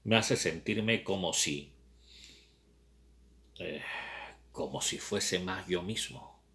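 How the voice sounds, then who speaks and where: A man reading aloud, voicing a brooding young man who longs for freedom, with slow, reflective questions. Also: sits low, bright, forceful tone, full character voice.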